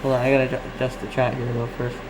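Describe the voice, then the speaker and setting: In a monotone, medium-pitched voice, this Canadian radio hobbyist talks rapid-fire during a casual live stream. He rambles and drifts while reading and replying to comments, with noise behind him.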